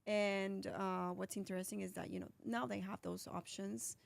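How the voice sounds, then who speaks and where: A woman's voice: mid-range voice, fairly even intonation, normal speed, gravelly, no room sound. A woman born in Colombia and raised in Philadelphia, talking casually as a real estate agent guest, with restarts and fillers. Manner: chatty, restarts, many fillers. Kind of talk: casual interview answers.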